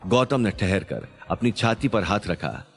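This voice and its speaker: A man's voice: on the low side, very animated, unhurried, creaky, a bit bright, slightly rough. A man narrating a suspense story in a scripted, dramatic storytelling manner.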